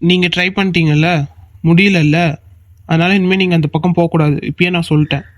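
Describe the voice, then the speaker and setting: A performer voicing a young man, a bossy but reassuring elder brother in a cartoon, speaking quickly and confidently. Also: medium pitch, steady tone, dry recording, clean studio sound, lightly acted. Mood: firm. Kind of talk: cartoon voice acting.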